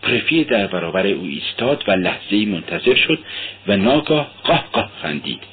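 A man narrating a story in an expressive storytelling manner. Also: on the low side. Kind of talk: scripted narration. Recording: tinny lo-fi radio recording.

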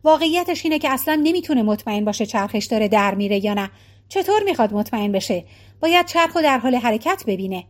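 A woman reading the part of a tired, reluctant husband who talks dryly and grumbles, lowering her voice for him in an audiobook. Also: lively intonation, close to an everyday voice. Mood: defensive. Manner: dry, reluctant, muttering. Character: weary grumbling husband at the wheel.

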